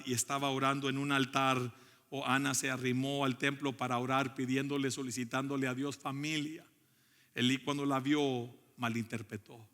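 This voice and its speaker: A man's voice: fairly high pitch, bright, forceful tone. A middle-aged man preaching a sermon as pastor, with call-and-response asides and switches into English. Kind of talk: bilingual church sermon. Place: church sanctuary. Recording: long church hall reverb.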